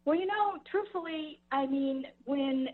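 A woman's voice: high-pitched, unhurried. An older woman, a grandmother, calling in to a radio talk show over the phone, talking earnestly and rambling with frequent restarts. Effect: heard over the phone. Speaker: caller. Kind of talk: call-in radio chat. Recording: tinny phone line.

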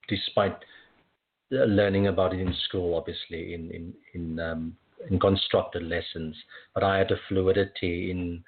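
Speaking over a phone line, a very deep-voiced South African man whose first language is Afrikaans appears as a poet guest in a conversational interview that includes poetry reading. He is hesitant, uses many fillers and restarts, and laughs often.

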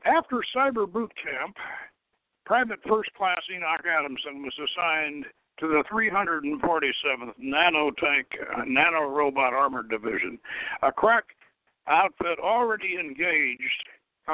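Over a lo-fi, phone-like radio line, a host gives a dramatic reading of his own satirical science fiction novel, occasionally stumbling on words and correcting himself. His voice is a little high with lively intonation, a little slow, and dry.

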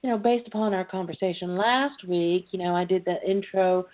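A woman's voice: lowish voice, fairly even intonation, moderate pace. Playful woman host on a tinny phone line. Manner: chatty, playful, informal. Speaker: host of a call-in talk show. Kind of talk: casual chat.

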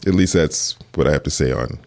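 A man with a very deep voice answers as a police detective. He speaks earnestly but haltingly, often restarting his sentences. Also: a little mellow, slight background noise. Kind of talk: interview answers.

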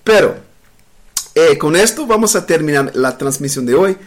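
A man leading a live-streamed bible study, reading verses aloud and explaining them in a halting way, with many fillers and restarts. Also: a little high, animated. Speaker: bible teacher.

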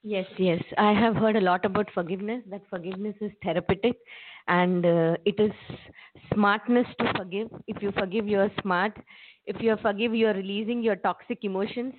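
A woman's voice: mid-range voice, fairly even intonation, a little fast, a little hiss or hum. A woman hosting an interview and putting questions to a guest. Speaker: interviewer, show host. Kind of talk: interview talk. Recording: thin, phone-like narrow band.

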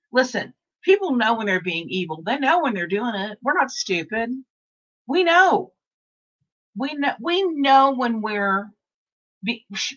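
A woman in her sixties hosts a casual podcast-style talk show, rambling, repeating herself, and restarting often. Her voice is a little high and a bit bright, and the recording is muffled.

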